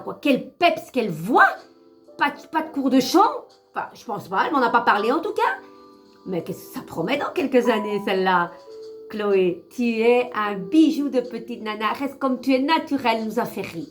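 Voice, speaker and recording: A woman's voice: sits high, a bit bright. A woman with a Brussels accent, a tarot reader chatting affectionately and reading her card of the day aloud, with many restarts.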